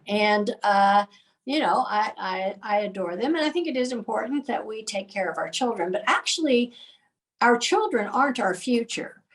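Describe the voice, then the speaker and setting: A woman, a nonprofit founder, telling lively anecdotes in casual conversation with many filler ums. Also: medium pitch, moderate pace, distant mic, poor audio. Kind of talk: conversational storytelling.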